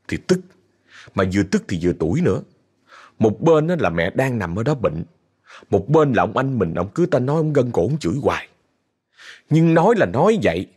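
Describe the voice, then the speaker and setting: A man's voice: mid-range voice, darkish tone, breathy edge. A man with a Southern Vietnamese accent narrating a ghost story in a chatty way, talking straight to his listeners. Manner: chatty, addresses listeners directly.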